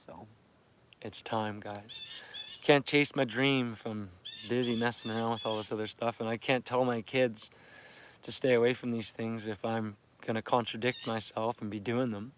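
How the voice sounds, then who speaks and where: An unhurried, mid-range voice with a steady tone comes from a tired Canadian fishing streamer in his 30s. At dawn by a campsite lake, he keeps his voice low while chatting and laughing with livestream viewers on his phone, with slight background noise.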